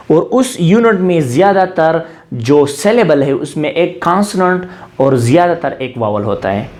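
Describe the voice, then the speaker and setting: A man teaches a grammar lesson with a lively pitch that swings up and down. He keeps quizzing his listeners and answering himself. He switches between his own language and English phrases as he explains. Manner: asks the class questions and answers them himself, slips into English phrases. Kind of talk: classroom-style grammar lecture.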